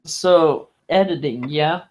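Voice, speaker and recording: A man's voice: on the high side, slow pace, a little mellow, a little hiss or hum. A man in a casual online group chat, rambling along and swearing heavily as he goes. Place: online voice call livestream.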